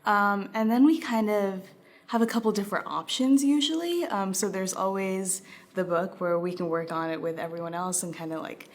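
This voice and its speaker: A young woman student talking in a relaxed, chatty interview, with many fillers. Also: medium pitch, moderate pace. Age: young adult. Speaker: student in the program. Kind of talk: interview testimonial.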